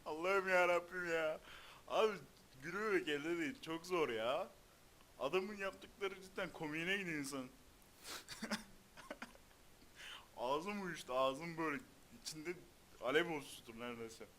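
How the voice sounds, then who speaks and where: A man's voice: fairly high pitch, a little slow, pauses often, fairly bright tone, slight background noise. A man chatting casually to the camera, amused and a bit tired from holding in laughs.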